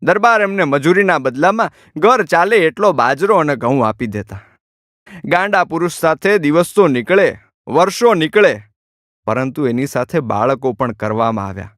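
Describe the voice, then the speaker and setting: Expressive male audiobook narrator. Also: on the high side, normal speed, dry recording.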